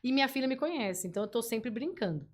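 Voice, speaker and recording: Playful woman with a higher voice. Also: fast talker. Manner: playful, animated storyteller. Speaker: podcast guest. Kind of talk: casual interview chat.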